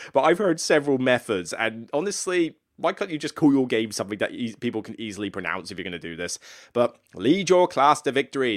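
A man talks casually to his audience as host of his own show. His voice sits at an ordinary pitch but swings widely up and down. He rambles, trails off and corrects himself as he goes. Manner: rambling, self-correcting, animated. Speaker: board game reviewer hosting his own show. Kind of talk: casual solo talk.

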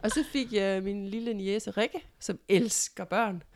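A woman's voice: mid-range voice, steady tone. A middle-aged woman telling personal stories in casual conversation, candid and matter-of-fact. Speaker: guest, mother of the host.

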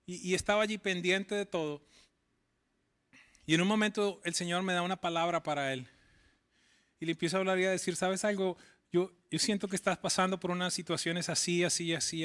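Male pastor, sermon delivery, high bright tone, pleading questions, quick storytelling. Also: clear, resonant tone. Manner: preaching with rising, pleading questions; tells stories in a quick conversational voice.

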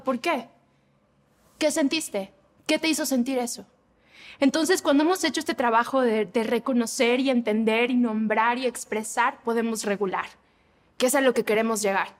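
Woman, young adult, devotional talk, animated, fairly high voice, long reverb. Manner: animated, acts out examples with voices.

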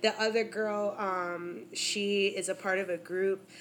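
A young woman, a rapper and DJ chatting casually as a guest, telling animated stories with bursts of laughter and frank swearing. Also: mid-range voice, a little slow, a little hiss or hum. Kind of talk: casual interview chat.

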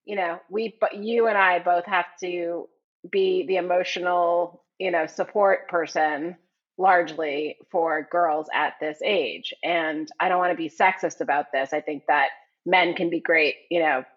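A woman's voice: on the low side, fairly even intonation, a little slow. Podcast co-host, woman, forties, casual and joking, slightly muffled recording. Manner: chatty, laughs often, mock-formal jokes. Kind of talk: casual chat.

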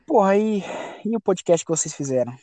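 Animated, swearing podcast host man. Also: high-pitched, a little fast, no room sound. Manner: profane, animated storytelling. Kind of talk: casual podcast chat.

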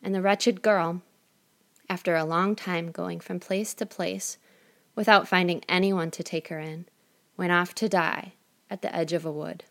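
Female narrator, slightly low voice, calm storybook reading. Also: unhurried, gravelly.

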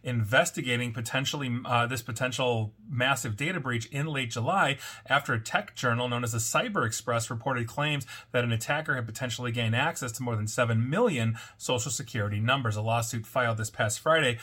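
A man's voice: medium pitch, brisk, bright, forceful tone, slightly rough. A man hosting a weekly cybersecurity news roundup, reading reports and adding wry, sardonic asides. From United States. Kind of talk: scripted news commentary with asides.

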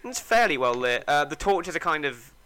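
A man running a tabletop game as game master, describing scenes in a halting, laughing way. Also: on the high side, very animated, bright, forceful tone, clear, resonant tone.

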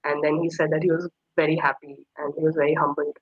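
A woman's voice: deep voice, level tone, fast talker, a crowd in the background. A young woman from Kashmir, a guest in an interview, telling a personal story in a hesitant, reflective way with many fillers. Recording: slightly muffled dry recording.

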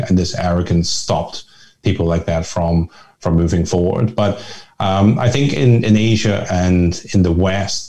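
A man's voice: low voice, dark tone. A middle-aged man from Northern Ireland, talking as an interview guest in a reflective, discursive way with frequent restarts. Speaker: guest, family office chairman. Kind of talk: conversational interview.

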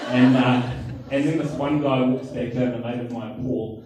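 A man's voice: mid-range voice, fairly even intonation, moderate pace, background noise. A man preaching a sermon, telling a personal story in a chatty, self-mocking way with lots of fillers. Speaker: pastor. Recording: echoey hall, distant mic.

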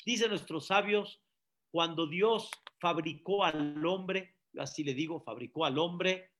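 Man, rabbi, sermon, slow deliberate delivery, bright voice, rhetorical questions. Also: on the high side. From Mexico. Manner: preaching with repetitions and rhetorical questions.

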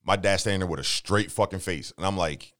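A man's voice: low-pitched, a little fast, fairly bright tone. A man, telling personal stories in a casual chat, rambling with lots of fillers and swearing. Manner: rambling, profane, lots of "like" and "you know what I'm saying".

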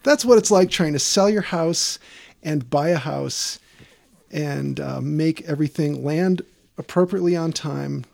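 Gravelly, higher-voiced male podcast host. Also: measured pace, a little mellow. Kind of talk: casual podcast chat. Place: small garden shed.

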